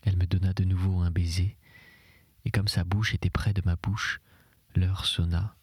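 Husky, low-voiced male audiobook narrator. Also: flat delivery, normal speed, no echo. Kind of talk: audiobook reading of a literary novel. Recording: dry close recording.

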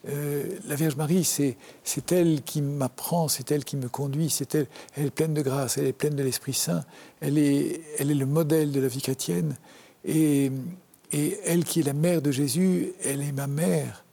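French man, parish priest, halting earnest interview talk, dark gravelly voice. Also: on the high side, steady tone. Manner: halting, many restarts, earnest. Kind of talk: interview, devotional reflection.

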